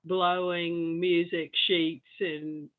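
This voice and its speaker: Very slow-paced woman chatting. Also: on the low side, little pitch movement. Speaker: open mic participant. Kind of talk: casual group chat. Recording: dull, lo-fi call audio.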